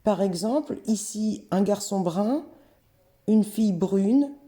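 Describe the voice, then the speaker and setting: A woman narrating a scripted language lesson, reading word pairs slowly and carefully. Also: medium pitch, animated, warm tone. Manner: slow, careful, clearly spelled-out word examples. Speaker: French teacher.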